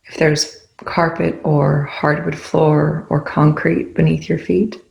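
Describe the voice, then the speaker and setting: In an echoey room, a meditation guide with a markedly creaky voice and an even, low-key pitch gives short instructions in a soothing, unhurried way, leaving long pauses between them. The high frequencies are cut off.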